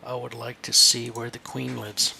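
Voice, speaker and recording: A man's voice: mid-range voice, monotone, normal speed, gravelly, pushed and bright, slight background noise. A man teaching a screen-share lesson for kids, chatty and thinking aloud as he points things out.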